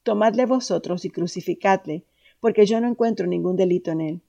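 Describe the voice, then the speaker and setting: A woman's voice: mid-range voice, a little fast, vocal fry, dark tone, lo-fi sound. A woman voicing a stern male Roman governor who questions firmly, read aloud from scripture. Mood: questioning.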